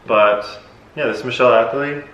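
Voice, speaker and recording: With a medium pitch and a quick pace, a young man hosts a laid-back Q&A vlog, sounding hesitant and using many fillers; he's also a decathlete. His tone is a bit bright but the highs are cut off, in an echoey recording with faint noise.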